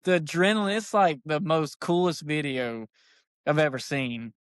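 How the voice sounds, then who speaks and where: A man, an archery shop owner, telling stories as a podcast guest in a folksy, animated way. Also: fairly high pitch, measured pace, clean tone, no echo, clean studio sound. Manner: animated, folksy, says "dude" a lot. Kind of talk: casual storytelling chat.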